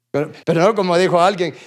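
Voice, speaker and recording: A man preaching a sermon to a congregation. He keeps asking the room questions and calling for responses, swinging between loud bursts and low asides. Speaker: pastor. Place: church.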